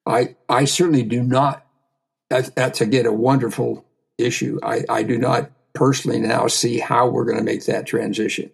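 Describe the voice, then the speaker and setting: Gravelly man, halting answers. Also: medium pitch, little pitch movement. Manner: hesitant, with frequent restarts and repeated words. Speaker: guest, astrophysicist. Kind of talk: thoughtful conversational interview answers.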